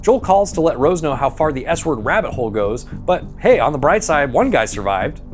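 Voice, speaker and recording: A man narrates a comedic movie recap in a sarcastic, irreverent way. His pitch moves around a lot, he swears freely, and music plays behind him. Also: sing-song, moderate pace. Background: background music.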